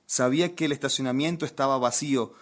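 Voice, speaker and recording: A man's voice: medium pitch, quick pace. A man preaching a sermon, telling a funny anecdote and asking his listeners questions. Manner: lively anecdote-telling, asks the audience questions. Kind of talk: humorous sermon storytelling.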